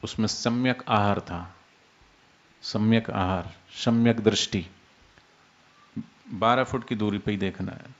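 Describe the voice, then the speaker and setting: A man giving an unhurried devotional discourse as a spiritual teacher, explaining with everyday examples. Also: on the low side, fairly even intonation, lo-fi sound. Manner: unhurried, explains with everyday examples, demonstrates soft and loud speech.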